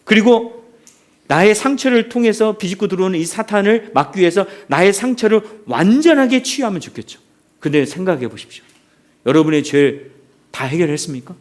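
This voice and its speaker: A man's voice: high-pitched, expressive, a little fast. A man preaching a sermon as a pastor, telling stories with animation and throwing questions out to the congregation.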